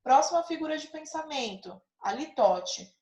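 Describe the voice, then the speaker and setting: A woman teacher patiently explains figures of speech in a grammar lesson, often checking in with listeners through tag questions. Her voice is high-pitched, expressive, and a little mellow at a normal speed, with reverb in the recording.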